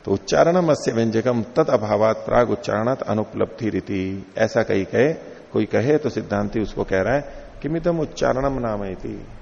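A man teaching a classical philosophy text in a lecture hall, reciting verses slowly and then explaining them with rhetorical questions. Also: mid-range voice, vocal fry, darkish tone. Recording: dull lo-fi recording with long hall reverb.

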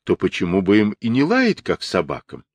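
A man's voice: fairly low pitch, wildly swooping pitch, moderate pace, husky, dry recording, exaggerated voice. A man doing a cheeky boy feigning innocence. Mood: innocent. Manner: mock-polite, faux surprised.

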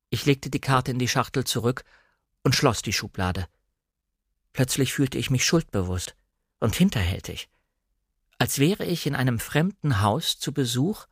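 A man narrating a novel in a measured, even storytelling manner. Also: medium pitch, no room sound, clean studio sound. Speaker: reader. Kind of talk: scripted literary narration.

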